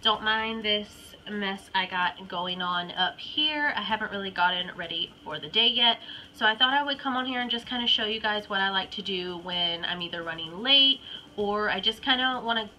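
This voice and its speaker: A young beauty vlogger with a Southern US accent chats casually through a makeup tutorial at home, full of ums and likes, her voice stuffy and congested from a cold. Her medium pitch is bright and forceful at a moderate pace. The audio is poor, with slight background noise.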